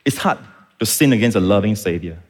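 A man preaching a sermon, teaching calmly and then rising to impassioned shouts. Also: lowish voice, fairly quick. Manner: teaching, explains Greek words. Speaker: pastor.

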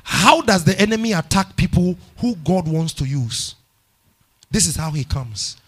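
A middle-aged man preaching with a Ghanaian English accent and a slightly high voice. He repeats lines for emphasis and moves between quiet, low passages and loud outbursts. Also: lively intonation, a little slow, slightly rough. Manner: emphatic, repeats phrases, swings from hushed to loud. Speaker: pastor. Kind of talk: sermon.

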